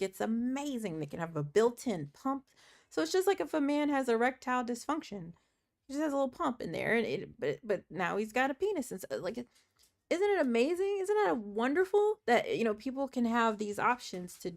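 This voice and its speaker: A woman in her thirties hosts a casual livestream from a desk mic, her voice croaky and a little gravelly. She talks earnestly and thinks aloud, laughing often as she chats with viewers and works through puzzles. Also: a little high. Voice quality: croaky morning voice. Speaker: livestream host. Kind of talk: casual chat while doing puzzles.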